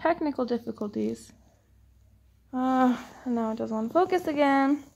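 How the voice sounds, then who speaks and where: This homemade clip features a woman reading a kids' story aloud in a parental style, mixing in casual comments. Her voice sits high with a darkish tone, her pace is moderate, and background noise is clearly present.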